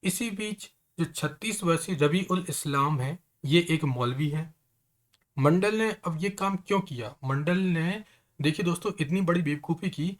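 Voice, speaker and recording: Unhurried and pitched on the high side, this man's voice carries an online news explainer. He talks directly and earnestly to his audience in a conversational way, again and again addressing them as friends.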